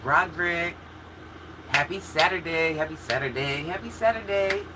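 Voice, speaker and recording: A woman's voice: on the low side, moderate pace. Fifties lady livestreaming, answering chat, candid and chatty, laughs a lot, ac hum underneath. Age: 50s. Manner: chatty and candid, talks straight to chat with frequent laughs and restarts. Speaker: livestream host reading viewer comments. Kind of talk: casual chat.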